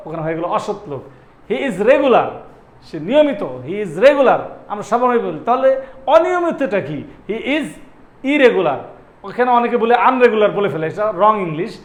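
A man's voice: sits high, echoey room. A man teaching English in Bengali, saying each English phrase again and again and giving its meaning. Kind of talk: spoken-English lesson in Bengali.

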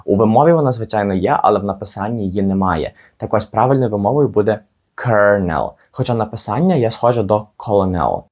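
A young man teaching English pronunciation, patiently repeating each word slowly for learners. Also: lowish voice, animated, a little mellow. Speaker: English teacher on his channel.

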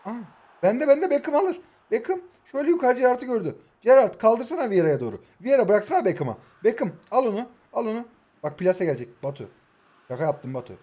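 A man in his twenties from Kahramanmaraş, speaking with an Istanbul Turkish accent, chatting and joking excitedly while he commentates his own football video game. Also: high-pitched, a little fast, husky. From Kahramanmaraş, Turkey. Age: 20s. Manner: excitable, jokey, chatty, shouting at his players. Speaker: mobile football gaming YouTuber. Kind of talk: live gameplay commentary.

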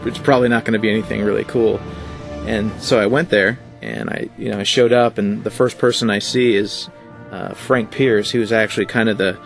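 A man with a rather low voice answers interview questions casually, rambling through anecdotes with plenty of fillers and little acted-out quotes. Faint music sits underneath. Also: fairly quick, vocal fry. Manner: rambling, animated storyteller with many fillers. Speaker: guest, art director.

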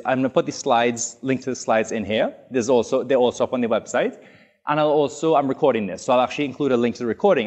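A man's voice: mid-range voice, darkish tone. A man in his thirties from Trinidad and Tobago, giving an academic talk in a lecture room, enthusiastic with frequent ums and likes. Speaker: academic speaker.

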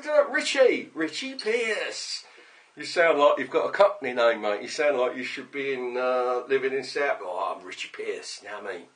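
A man's voice: medium pitch, fairly bright tone, recorded from a distance. A man casually showing and explaining parts, talking straight to his customers. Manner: chatty, addresses customers directly with "okay?" and "mate". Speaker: paintball tech vlogger. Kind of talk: casual show-and-tell to camera.

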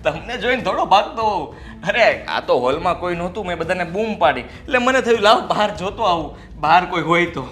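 A man's voice: sits high, lively intonation, fairly quick, a bit bright. An actor playing a nervous young son-in-law who stammers and argues defensively with his mother-in-law. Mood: flustered. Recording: echoey room.

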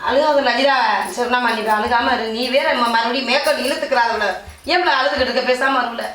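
A woman's voice: on the high side, fast, a bit bright, close to an everyday voice. A middle-aged woman with a Ramnad Tamil accent playing an anxious, fussing mother-in-law who frets and soothes by turns. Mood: worried, soothing. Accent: southern Tamil, Ramnad. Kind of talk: amateur family drama. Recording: echoey room, mic far off.

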